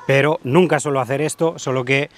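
A young man from Barcelona approaching strangers in a park with polite, smooth, cheesy pickup lines. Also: mid-range voice, fairly even intonation, a little fast.

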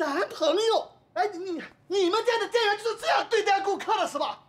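A shrill, quarrelsome customer in a TV drama, stammering and shouting in indignation. His voice sits very high and swings widely as he complains. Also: animated, fairly quick. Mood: angry. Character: loud petty male shop customer, quarrelsome. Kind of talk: television drama acting.

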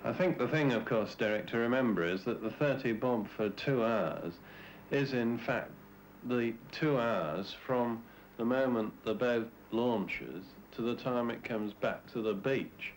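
A middle-aged man talks his crew through details in an explanatory way. He is very slow, medium in pitch, with clear noise on old film sound. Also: poor audio. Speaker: lifeboat crew official. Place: small wooden boathouse room, indoors.

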